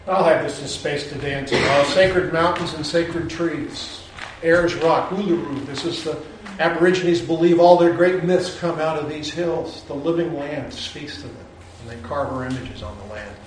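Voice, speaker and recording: A man's voice: on the high side, moderate pace, a little hiss or hum. A man giving a digressive, musing lecture, often restarting his sentences. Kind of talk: rambling lecture. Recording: very echoey hall, from far off.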